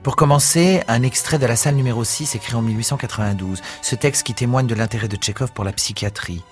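Lively man hosting a reading show. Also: medium pitch, quick pace, soft background music. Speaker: radio host. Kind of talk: reading literature aloud and presenting.

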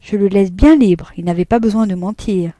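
A woman's voice: medium pitch, moderate pace, warm tone, dry recording, studio quality, lightly acted. A woman voicing a wronged wife who presses her husband impatiently and coldly, in a read-aloud novel. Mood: bitter. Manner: impatient, cold, pointed.

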